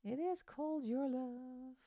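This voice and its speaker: Coloring as she streams, a woman talks casually into a desk mic, prone to ranting, exasperated asides, and she sings along to music between chatting. Her voice is high and her pace measured. The audio has no room sound, but the highs are cut off.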